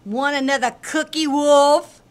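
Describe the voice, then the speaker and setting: A woman's voice: sits high, steady tone, measured pace. A woman voicing a brash, streetwise young girl who runs cookie scams, in a comic radio play. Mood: sassy. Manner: brash, sassy, mocking.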